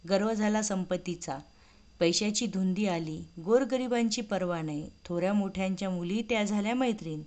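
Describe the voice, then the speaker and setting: A woman's voice: mid-range voice, normal speed, a little mellow, close to an everyday voice. A woman voicing an old beggar woman, a goddess in disguise, who bitterly scolds a proud queen in a devotional story. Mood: indignant.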